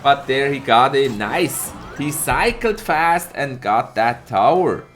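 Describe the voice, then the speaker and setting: A lively esports caster and streamer, a bit hoarse from a cold, calls a live tournament and responds to chat, laughing often and greeting viewers by name. He talks slowly at a medium pitch over faint music.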